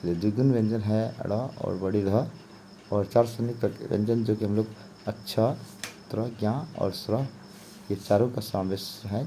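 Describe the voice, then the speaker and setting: Lower-voiced male teacher, mellow tone. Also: creaky, slight background noise. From India. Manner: explanatory, repeats "ठीक है" and "जो है आपका". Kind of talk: exam-prep grammar lesson.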